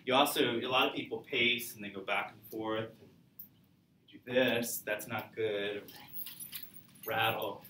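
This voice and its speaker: A man's voice: fairly low pitch, steady tone, unhurried, long pauses, pushed and bright, far from the mic, a little hiss or hum. A man teaching a public speaking class, lecturing conversationally and asking students questions. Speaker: college speech instructor. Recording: echoey classroom recorded from afar.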